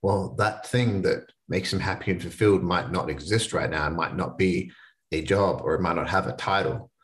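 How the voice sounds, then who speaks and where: This is a deep-voiced man in his late twenties speaking at normal speed as host of his solo motivational podcast. He keeps it casual and earnest, chatting along and sometimes starting sentences over.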